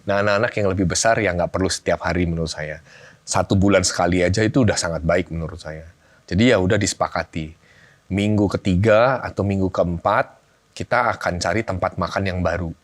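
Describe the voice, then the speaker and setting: A man's voice: sits low, brisk. A middle-aged man, a guest on a family talk show, chatting casually and acting out family conversations as he tells stories. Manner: animated storyteller, acts out family dialogue. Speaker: guest speaker on family life.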